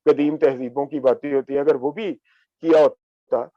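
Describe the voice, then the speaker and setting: A man giving a reflective talk full of anecdotes, pausing often with filler sounds and slipping in English terms. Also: medium pitch, fairly even intonation. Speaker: speaker on books and reading. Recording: dull lo-fi sound.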